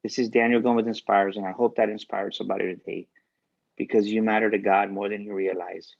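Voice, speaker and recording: A man's voice: fairly low pitch, little pitch movement, fairly quick, creaky, lo-fi sound. A man giving a faith-based motivational speech as a guest speaker, repeating key lines for emphasis.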